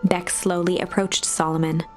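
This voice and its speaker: A woman's voice: on the low side, little pitch movement, moderate pace. Woman narrating a story over music. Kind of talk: scripted dramatic story narration. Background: instrumental game music.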